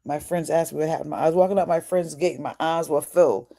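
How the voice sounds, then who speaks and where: Hosting a livestream talk, a woman with a low, warm voice speaks fast and casually, calling her viewers y'all. Her manner turns preachy as she keeps throwing questions at the audience.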